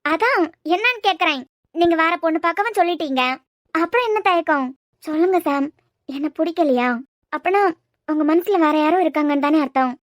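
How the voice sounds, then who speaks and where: A woman's voice: very high-pitched, fairly quick, pauses often, no room sound, studio quality. A woman voicing a bold, pleading young woman. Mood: pressing. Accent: Kanyakumari Tamil. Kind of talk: cartoon web-series voice acting.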